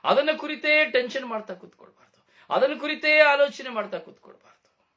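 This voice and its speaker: A man delivers a Kannada sermon at a brisk clip, emphatic and full of repeated phrases. When he poses rhetorical questions, his voice sinks to something soft and low.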